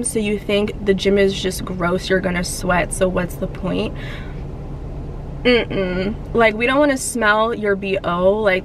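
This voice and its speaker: A young woman in a fitness vlog, talking bluntly and in an animated way, recorded from the dashboard of a parked car. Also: medium pitch, slight background noise. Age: young adult. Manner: blunt, animated, sassy, gestures while talking. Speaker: fitness vlogger. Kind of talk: casual chatty vlog. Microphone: camera on the dashboard.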